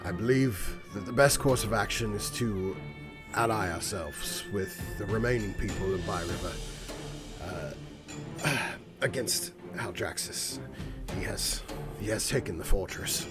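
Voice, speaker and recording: A man voicing a battered, wounded commander in a tabletop game, earnest and halting, sighing as if in pain from his side. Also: fairly low pitch, loud music behind the voice, natural voice. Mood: pained, urgent. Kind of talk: tabletop game role-play.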